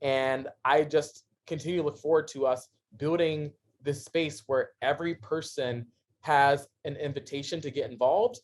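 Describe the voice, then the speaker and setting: A man in his thirties speaks as a guest on a podcast, recorded on a studio microphone. His voice sits slightly high, and he talks with animated, expressive energy, laughing often and then turning quiet and earnest. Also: moderate pace. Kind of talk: animated storytelling in a casual interview.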